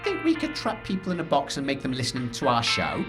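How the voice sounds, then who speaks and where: A man's voice: medium pitch, huge pitch swings, brisk. A British man performing a comic radio play in a bumbling, sardonic way, music under his voice. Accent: British English. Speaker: comedy radio drama performer.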